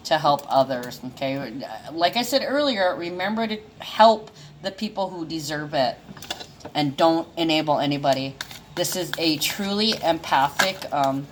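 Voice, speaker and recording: An intuitive astrology reader, a woman with a low-pitched voice, gives a casual, rambling monologue-style reading full of fillers and restarts, chuckling now and then. A little hiss or hum can be heard in the recording.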